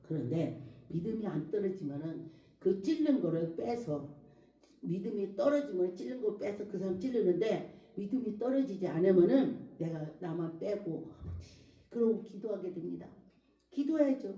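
A woman's voice: medium pitch, lively intonation, normal speed, warm tone, dull audio. A middle-aged woman pastor preaching a sermon, telling stories and acting out the voices of people she quotes. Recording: echoey room, mic at a distance.

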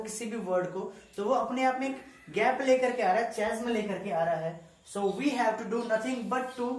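A man teaching grammar, talking slowly and deliberately, dictating example sentences word by word and often checking that the class follows. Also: sits high. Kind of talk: explaining grammar in a lesson. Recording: echoey room, far from the mic, faint ambient noise.

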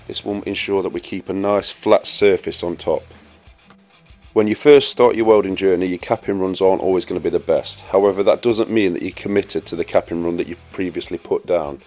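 A lowish male voice walks viewers through each weld pass in a steady, instructive voice-over. Soft music plays quietly underneath. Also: brisk. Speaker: welding instructor. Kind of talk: voice-over tutorial narration.

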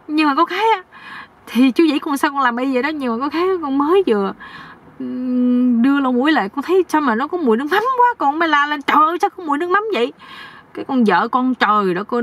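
A woman voicing a naive young husband who complains in a high, pleading, husky voice. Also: a bit bright. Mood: aggrieved.

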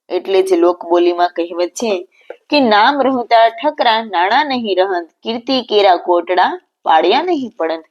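A woman telling a devotional story as scripted narration, in a measured, reverent recitation. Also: mid-range voice, a little mellow.

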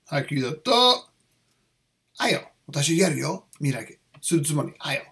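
A man explains English test answers at an unhurried pace, repeating each phrase carefully. He switches between English and Japanese as he teaches. His voice sits a little high for a man. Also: sing-song, a bit bright.

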